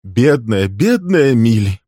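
A man voicing a carefree middle-aged businessman who talks in a bright, laughing tone. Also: medium pitch, big pitch swings, slow, dry recording, clean studio sound, pitched above the performer's own voice. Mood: amused.

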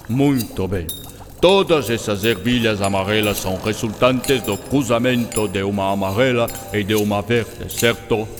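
A man's voice: fairly low pitch, normal speed, lightly acted. A man playing Mendel, an eccentric, patient and enthusiastic male scientist with a German accent, teaching didactically in a radio drama. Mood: patient explaining. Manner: didactic, peppers speech with German words. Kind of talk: scripted radio drama dialogue. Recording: long hall reverb, music bed.

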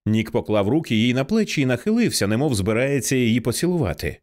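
Expressive male audiobook narrator. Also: medium pitch, quick pace. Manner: expressive, dramatic reading. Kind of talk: scripted narration.

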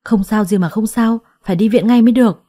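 Woman doing a sharp-tongued young sister in a storybook, blunt and scolding, mellow low-key tone. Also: steady tone, fairly quick, lightly acted. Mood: alarmed.

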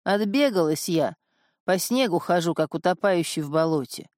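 A gruff old village wise woman with a lowered, weighty voice, as a woman reader puts her on. She gives orders sternly and without fuss in a storybook reading, all close and dry. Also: expressive, moderate pace, darkish tone, no room sound, natural voice. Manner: gruff and commanding.

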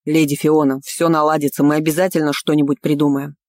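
A man's voice: a little high, little pitch movement, quick pace, a little mellow, no room sound, studio quality, voice pushed down, natural voice. A woman voicing a proud young nobleman, a count who speaks in a clipped, restrained way. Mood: soothing.

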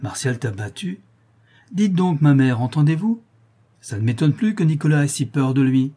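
A sardonic, spiteful bandit woman as a man reading an audiobook puts her on, pitched well above his own voice. She mocks with a sharp, husky edge. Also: big pitch swings, moderate pace.

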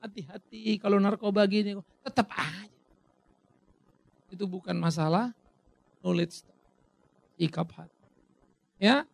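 A man preaching a sermon as pastor, animated and dramatic, asking the crowd questions and acting out little dialogues. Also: high-pitched, vocal fry, no room sound.

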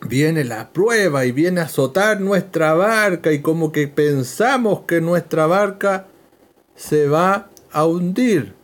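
A man teaching a verse-by-verse Bible lesson, slow and emphatic, repeating key phrases. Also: on the high side.

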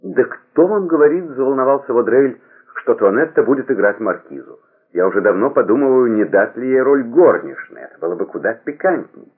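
A man's voice: low-pitched, big pitch swings, moderate pace. A man reading the part of an ingratiating aristocrat who talks in an insinuating, coaxing way, on a narrow, lo-fi recording. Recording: narrow phone-like lo-fi audio.

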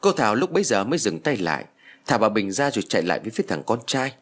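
A man narrating a scripted horror story in a dramatic, expressive way. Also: on the low side, rapid-fire, breathy edge.

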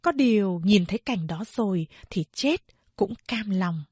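A woman narrating a novel in a measured, expressive storytelling voice. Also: medium pitch, husky, no echo. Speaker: audiobook narrator.

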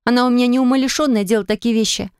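Lady doing a sharp-tongued angry young wife, pitched way up, loud and accusing, dry studio sound. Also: fairly even intonation, very fast, clean tone, no echo, lightly acted. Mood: indignant. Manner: shrill, accusing, sarcastic. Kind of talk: audiobook character reading.

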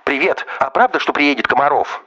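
A man's voice: mid-range voice, expressive, fairly quick, sharp tone, lo-fi sound, pitched above the performer's own voice. A man voicing a teasing teenage schoolgirl on a video call. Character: giggly, mocking teenage schoolgirl.

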